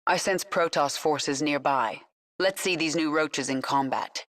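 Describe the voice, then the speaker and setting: A woman's voice: low voice, unhurried, fairly bright tone. An actress playing a cold, commanding female alien swarm queen who speaks in terse orders. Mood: dry. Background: game score music.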